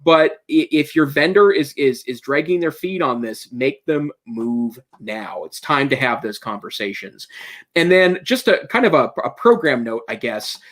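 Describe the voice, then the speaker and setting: A man's voice: mid-range voice, expressive, measured pace, fairly bright tone. A man co-hosting an education technology podcast, giving earnest, opinionated advice in casual talk with frequent restarts. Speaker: podcast co-host. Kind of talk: casual tech chat.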